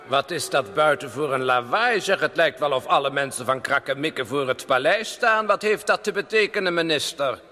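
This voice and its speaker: A man's voice: on the high side, animated, normal speed, few pauses, pushed and bright. An actor playing a childlike, insecure young king in a children's audio drama, flustered, exclaiming and hesitant. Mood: indignant.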